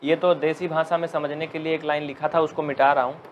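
A man teaching a live maths class, chatty and teasing, dictating slowly at times. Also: on the high side, flat delivery, dull audio, a little hiss or hum. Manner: chatty, joking, scolds students playfully.

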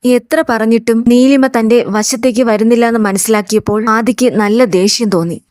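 A woman narrating a scripted audio serial in a steady storytelling voice. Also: a little high, moderate pace, dry recording, clean studio sound.

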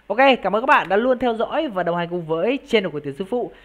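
Talking fast and expressively in a mid-range, slightly bright voice, this channel host reviews crypto projects on YouTube. He walks viewers through his screen share casually, addressing them directly.

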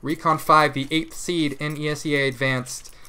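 A man casting a competitive shooter match alone, giving rapid play-by-play that jumps up in pitch and volume at big plays and corrects himself as he goes. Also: steady tone, pushed and bright, clear, resonant tone. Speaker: esports caster. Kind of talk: live esports play-by-play commentary.

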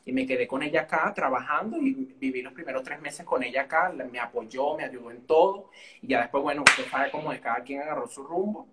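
A young man with a Venezuelan accent, chatting as a guest in an interview with an animated, theatrical way of telling stories. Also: mid-range voice, brisk, background noise. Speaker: guest YouTuber. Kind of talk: casual interview chat.

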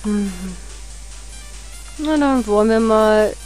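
A woman in her thirties with a slightly high voice chats her way through a video game at a slow, unhurried pace. She rambles, reminisces, and swears at the game, with soft game music under her voice. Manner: chatty, curses at the game. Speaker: let's player. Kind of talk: casual gameplay commentary. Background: faint game music.

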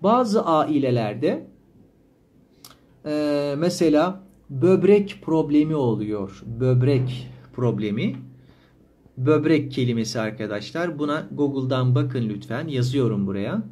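A male language teacher reading a story aloud, pausing to repeat and explain words slowly. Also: fairly high pitch, warm tone. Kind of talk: slow explanatory reading lesson.

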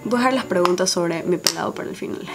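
A woman's voice: on the low side, fast talker, over music. A young woman in her twenties with a Guayaquil Spanish accent, chatting casually and laughing while she answers viewer questions and does her makeup in front of a camera. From Ecuador. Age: 20s. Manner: chatty, laughs often, filler-heavy. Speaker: beauty YouTuber. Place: small indoor room before a dark backdrop. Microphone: camera on tripod at head-and-shoulders framing.

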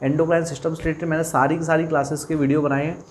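Higher-voiced male biology teacher. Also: little pitch movement, racing, slight background noise. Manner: asks questions and answers them himself, repeats key terms. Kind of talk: exam-prep lecture.

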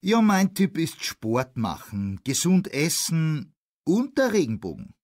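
A man's voice: a little high, sing-song, darkish tone, no echo, clean studio sound. A man playing a cheerful fit health-tip giver. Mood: upbeat. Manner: slow, clearly spaced phrasing. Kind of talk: scripted language-lesson dialogue.

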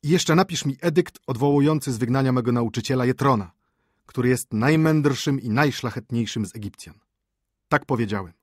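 A dying young prince, gentle and anxious, pleading in a raised, higher voice, as a male audiobook narrator puts him on. The tone is husky and dry, and it is lifted above the narrator's usual low register. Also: brisk, no room sound, lightly acted. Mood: commanding.

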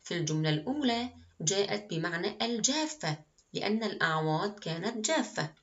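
A woman gives a primary school lesson, speaking slowly and clearly to young children. She praises them often as she moves through the exercises. The recording sounds dull and lo-fi. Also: medium pitch, animated, a bit bright. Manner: slow, clear, encouraging teacher talk with frequent praise. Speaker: primary school Arabic teacher.

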